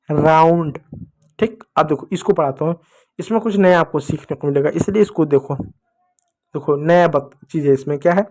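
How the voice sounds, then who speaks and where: A man with a slightly raised voice teaches reading to children. He keeps asking the class questions and answering them himself, and he spells words out slowly, one letter at a time. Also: fairly high pitch, darkish tone.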